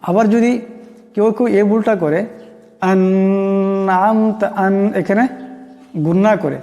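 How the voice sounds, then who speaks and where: A man teaching Quran pronunciation who explains rules quickly and then chants the verses slowly and melodically. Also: sits high, gravelly, dark tone, big-room sound, lo-fi sound, faint music behind.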